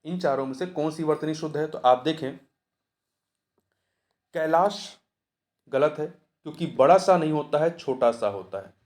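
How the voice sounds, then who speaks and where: A man's voice: fairly high pitch, measured pace, pauses often, a little mellow. A man working through the answers of a Hindi exam practice test as tutor, asking questions and then answering them himself, going over each answer step by step. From India.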